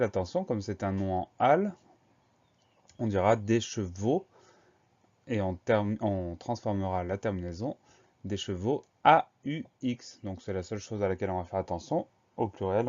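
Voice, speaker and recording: A man giving a slow, step-by-step spelling lesson, spelling words letter by letter. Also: fairly low pitch, a little mellow. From France. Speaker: spelling teacher. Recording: dull lo-fi recording.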